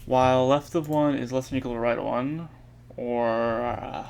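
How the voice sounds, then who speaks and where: Halting, gravelly man muttering through code. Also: mid-range voice, steady tone, darkish tone, slight background noise. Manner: halting, muttering, self-corrective with many fillers. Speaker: programmer streaming his coding practice. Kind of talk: thinking aloud while coding. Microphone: earbuds mic.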